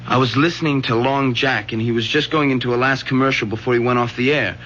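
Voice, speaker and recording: An actor playing a shaken, guilt-ridden teenage son, earnest and hesitant, with an American accent in radio drama style. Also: male voice, mid-range voice, fairly even intonation, quick pace, fairly bright tone, lightly acted. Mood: shaken, confessing. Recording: dull lo-fi old radio broadcast, faint hum.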